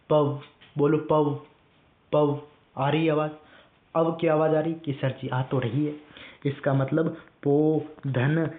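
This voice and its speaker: Slow, drilling male teacher on tinny audio. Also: on the high side. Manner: repetitive call-and-response drilling, addresses students directly. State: strained, weak voice. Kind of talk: online classroom lesson.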